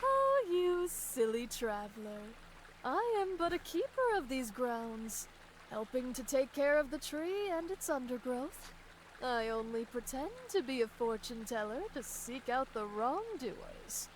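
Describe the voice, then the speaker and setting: A woman's voice: sits high, very animated, unhurried, slight background noise, low-quality recording. A woman playing a theatrical fortune teller in a video game, with a grandiose, mystical, old-fashioned delivery. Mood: indignant, scolding. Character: theatrical female fortune teller, secretly a scolding groundskeeper. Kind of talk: video game character acting.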